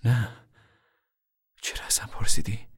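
A man voicing a weary, soft-spoken old mother. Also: no room sound, clean studio sound, close to an everyday voice. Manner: soft and subdued, drops to a near whisper. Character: weary older mother, worried and tender. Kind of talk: audiobook character voice.

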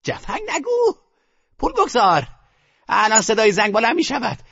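A shrill old grandmother in a frenzy, put on by a man, her high voice leaping wildly up and down as she snaps orders in a rustic manner. She sounds urgent and bossy, with no patience at all. The recording is dull and muffled. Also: wildly swooping pitch, gravelly, a bit bright, husky, in a large hall, heavily acted. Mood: excited, bossy. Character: frantic old grandmother gambling at roulette.

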